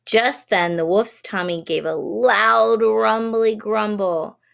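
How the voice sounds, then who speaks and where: A woman reading a children's story aloud in a gentle way, pausing to explain words for young listeners. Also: medium pitch, gravelly.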